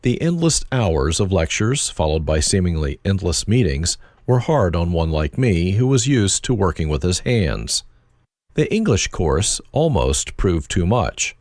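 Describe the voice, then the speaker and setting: A man's voice: deep voice, very animated, unhurried, a little mellow, no room sound. An older man with a German accent, reading his autobiography aloud in a reflective tone with dry wit. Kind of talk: autobiographical narration.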